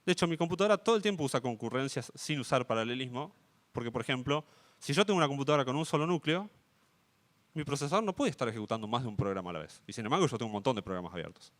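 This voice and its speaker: A man's voice: mid-range voice, lively intonation, very fast, a bit bright. A young man with an Argentine Spanish accent giving a live coding talk, checking in with his audience often. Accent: Rioplatense Spanish. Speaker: conference speaker.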